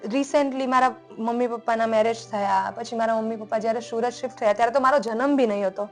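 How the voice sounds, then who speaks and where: A young woman with a high, bright voice tells her story in a relaxed podcast chat. She talks emphatically, her pitch lifting as she presses her point. Faint music plays underneath. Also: fast talker. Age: young adult. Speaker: guest speaker, entrepreneur. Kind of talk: casual podcast conversation.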